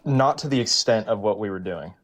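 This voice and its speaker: A man's voice: fairly low pitch, a little fast, a bit bright. A young man calling into a livestream debate, talking hesitantly with many ums. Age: young adult. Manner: hesitant, full of ums and hedging. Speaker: caller. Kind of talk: casual debate talk.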